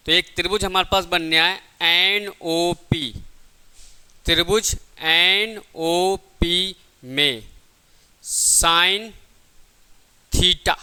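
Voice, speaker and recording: Step by step, a male physics teacher walks his class through a lesson, often raising questions only to answer them himself. He sounds high-pitched, pushed and bright, and his tone is clear and resonant.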